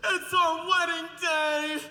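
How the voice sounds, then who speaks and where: A man's voice: very high voice, level tone, slow, bright, forceful tone, heavily acted. A man playing a flustered young groom in a stage musical, with a brash, exclaiming comic manner. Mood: earnest. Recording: echoey hall with music, from afar.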